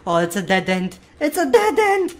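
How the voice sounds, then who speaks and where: A woman's voice: sits high, sing-song, normal speed, heavily acted. Bluey, a jumpy puppy girl, voiced by a woman. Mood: excitable scared. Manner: jumpy, shrieks when scared, silly boasting. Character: Bluey, excitable young girl puppy playing a game. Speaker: gamer narrating play. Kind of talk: voiced Roblox let's-play. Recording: game music underneath.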